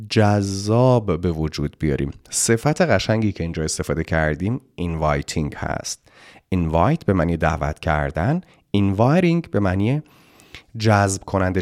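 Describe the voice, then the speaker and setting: A man teaching an English exam lesson, explaining vocabulary and reading English phrases slowly and deliberately. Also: sits low, a little mellow, dry recording, clean studio sound. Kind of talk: online language lesson.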